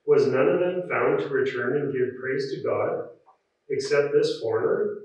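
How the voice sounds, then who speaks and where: A man reading scripture at a church service in a measured, solemn, formal liturgical way, with an echoing cathedral-like sound. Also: mid-range voice, darkish tone. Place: large reverberant church. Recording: very echoey church, distant muffled mic.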